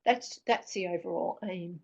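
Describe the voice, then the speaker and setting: A middle-aged woman giving an informal explanatory presentation in a hesitant, thoughtful way, with frequent pauses and restarts. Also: lowish voice, gravelly, a little mellow, husky. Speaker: presenter on parents reading with children. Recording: dull, lo-fi sound.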